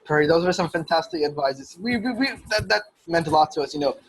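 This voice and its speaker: Husky-voiced young man hosting a podcast. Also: on the high side, lively intonation, fast, rough recording. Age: young adult. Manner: earnest, rambling, restarts sentences. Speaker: podcast host. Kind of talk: casual interview chat.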